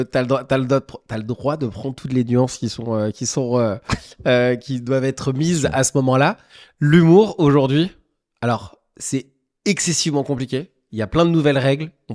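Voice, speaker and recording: A man of middle pitch hosting a casual podcast. His questions wander, with false starts and repeated words. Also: a little mellow. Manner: rambling questions with restarts. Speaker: podcast host.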